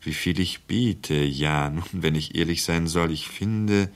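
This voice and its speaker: A man's voice: sits low, unhurried. A man voicing a wily, ingratiating middle-aged antique dealer who poses as a clergyman, in a radio drama reading. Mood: wheedling. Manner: smooth, falsely modest, haggling.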